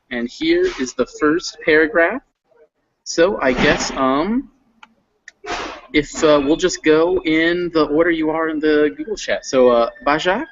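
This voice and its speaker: Teaching an online English reading class casually from a classroom not his own, this man comes across as friendly, somewhat hesitant, and heavy on fillers. His voice is a little high. The highs are cut off, with slight background noise.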